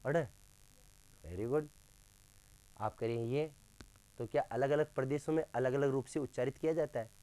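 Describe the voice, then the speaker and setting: A male teacher leading a grammar lesson in a classroom. He keeps quizzing his students and slowly repeats sounds for them. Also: mid-range voice, mellow.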